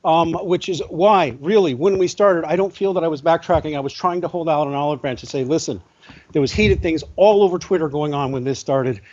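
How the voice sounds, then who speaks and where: A man arguing as a guest on a call, halting and correcting himself, his voice cracking when riled. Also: fairly high pitch, a little mellow, muffled recording. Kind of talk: heated debate on a call.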